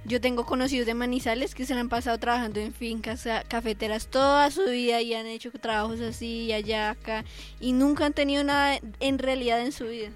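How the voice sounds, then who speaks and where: A woman playing an easygoing young man in an amateur radio drama, talking loudly in a chatty, apologetic way. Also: on the high side, steady tone, fairly quick, faint music behind, close to an everyday voice.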